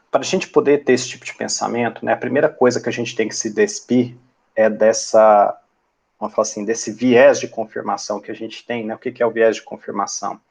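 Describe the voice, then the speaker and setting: A man's voice: fairly low pitch, gravelly, breathy edge. A man, teaching a class and explaining step by step, checking in with the listener often. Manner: explanatory, many tag questions like "né" and "tá". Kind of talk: lecture.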